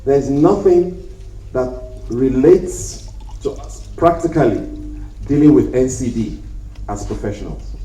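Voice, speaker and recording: This conference speaker has a warm, medium-pitched voice with lively intonation, speaking a little slowly and pausing often. In a hotel hall he spins jokey anecdotes and imitates the people he quotes. The handheld mic is later set down, so he sounds distant in the echoey room, with slight hiss or hum.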